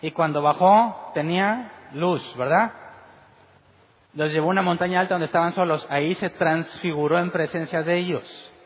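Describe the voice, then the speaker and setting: A man's voice: on the high side, normal speed. A man preaching a sermon as pastor, asking the congregation one rhetorical question after another. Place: church hall. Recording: dull recording with long hall reverb.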